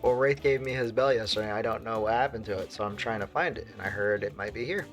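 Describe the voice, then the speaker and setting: A man giving casual gameplay commentary. He reads the game's text aloud, jokes with viewers and bursts into loud exasperated shouts. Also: lowish voice, quick pace, faint music behind. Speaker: gaming video creator.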